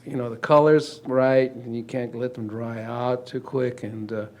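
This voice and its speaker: A man's voice: mid-range voice, flat delivery, unhurried, a little mellow. A man in his seventies with a mid-range voice. He talks casually about himself as a participant in a group conversation, feeling his way through his sentences in a hesitant, rambling manner. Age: 70s. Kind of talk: casual personal sharing.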